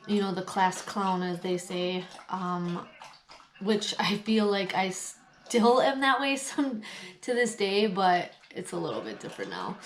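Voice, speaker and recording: A woman with a stuffy nose from a cold, telling her personal story candidly and pausing often as she remembers. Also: medium pitch. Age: adult past late twenties. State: has a cold.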